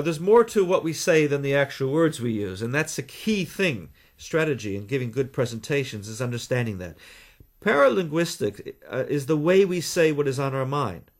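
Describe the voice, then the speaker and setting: A Canadian man talking as a guest in a radio interview, explaining things in a measured way with deliberate pauses. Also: medium pitch. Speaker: guest, communication trainer.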